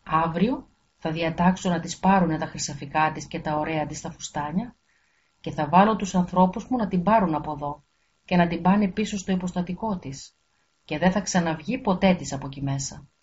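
Cold scheming queen voiced by a woman reader, calm plotting, muffled lo-fi sound. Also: fairly low pitch, close to an everyday voice.

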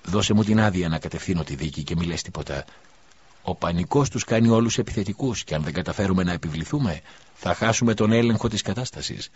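A forceful, scheming priest who presses every word and pushes his listeners, his voice raised above the narrator's usual level. A man voices him in a spoken storybook. The low, husky tone comes through a dull, lo-fi recording. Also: lively intonation. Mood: urgent. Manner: raised, urgent, insistent.

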